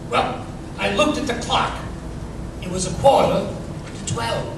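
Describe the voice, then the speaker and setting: A man's voice: very high-pitched, lively intonation, takes it slowly, full character voice. Guy doing a genial old-fashioned doctor for a radio play, blustery and stammering, very echoey far-off recording. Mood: reminiscing. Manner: hesitant, blustering, repeats himself. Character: genial, curious old-fashioned Doctor Watson, male storyteller. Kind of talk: 1930s radio drama acting. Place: museum live performance space. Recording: echoey room, distant mic, clear background noise.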